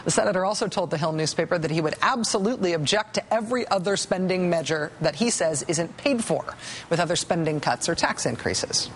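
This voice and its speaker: A woman's voice: lowish voice, expressive, a little fast, a little hiss or hum. Sarcastic lady news host, voice bounces all over, mock-dramatic. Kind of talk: cable news commentary.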